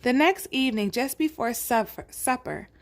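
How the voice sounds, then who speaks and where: A woman with a voice on the high side and a normal speed reads aloud as a children's storytime host. She speaks conversationally, adding chatty asides directly to her young listeners.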